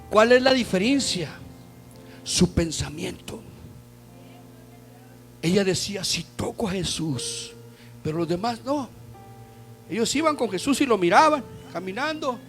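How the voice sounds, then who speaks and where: A man preaching a sermon, swinging from loud urging to hushed, near-whispered passages and calling his listeners brother. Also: high-pitched. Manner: addresses listeners as "hermano".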